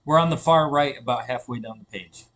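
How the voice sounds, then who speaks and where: A man's voice: medium pitch, a little fast, a crowd in the background. A man narrating an online tabletop game as dungeon master, describing scenes with fillers and self-corrections.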